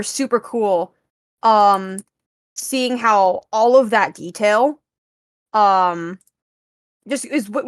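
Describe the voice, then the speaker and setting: A woman's voice: medium pitch, no echo. A woman co-hosting a podcast, chatting eagerly about films with lots of fillers. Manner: chatty, enthusiastic, many fillers. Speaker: podcast co-host. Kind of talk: casual film discussion.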